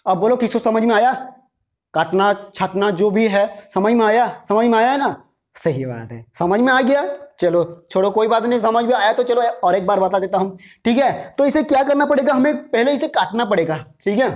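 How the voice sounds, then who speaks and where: Chatty math teacher. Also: male voice, high voice, animated, normal speed. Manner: chatty, repeats "theek hai", coaxes viewers to answer aloud. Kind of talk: chalkboard math lesson.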